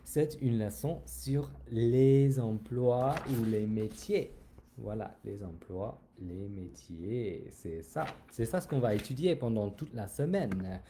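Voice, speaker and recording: A man teaching a children's French lesson, slowly repeating words and singing greetings. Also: mid-range voice, warm tone, a little hiss or hum. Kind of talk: slow, sung and drilled language lesson.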